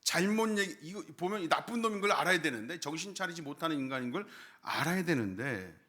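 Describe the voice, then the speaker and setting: A man's voice: fairly high pitch, expressive, quick pace, sharp tone. A man preaching a Sunday sermon as pastor, asking the congregation questions and letting his voice climb and fall hard. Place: church sanctuary.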